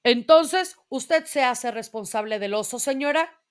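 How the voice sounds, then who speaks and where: A woman's voice: on the high side, lively intonation, a little slow. A woman voicing a stern, commanding male police chief in a storybook. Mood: demanding. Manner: gruff, commanding.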